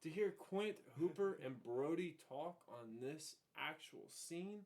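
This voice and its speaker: A man's voice: fairly high pitch, lively intonation, slow pace, darkish tone. A drunk man chatting casually as a movie review co-host, rambling, swearing and repeating himself as he loses his thread. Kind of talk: casual chat.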